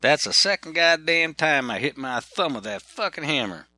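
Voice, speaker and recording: A man voicing a well-meaning Southern carpenter with a long, drawn-out Georgia drawl. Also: a little high, expressive, pushed and bright, no echo, pitched above the performer's own voice. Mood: indignant.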